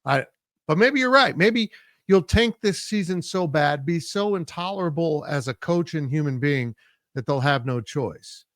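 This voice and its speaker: A man's voice: on the high side, expressive, unhurried, a bit bright, no echo. Dry-sounding male sports co-host. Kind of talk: casual sports chat.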